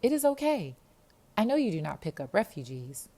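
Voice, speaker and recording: A woman's voice: mid-range voice, big pitch swings, a little fast, dark tone, pitched above the performer's own voice. A woman voicing a careful polite refugee girl. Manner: careful, formal, polite English.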